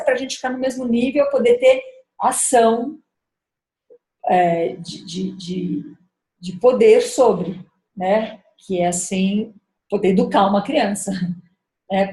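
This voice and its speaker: A middle-aged woman speaking thoughtfully about raising children, often pausing and restarting as she searches for words. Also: medium pitch, darkish tone, reverberant. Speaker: speaker at a parenting gathering. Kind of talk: reflective talk with personal story.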